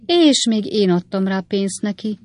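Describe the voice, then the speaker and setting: A woman playing a raving cheated gentleman. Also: mid-range voice, expressive, dry recording, voice pushed up, natural voice. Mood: frantic. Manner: raving, incoherent outbursts. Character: frantic cheated middle-aged gentleman.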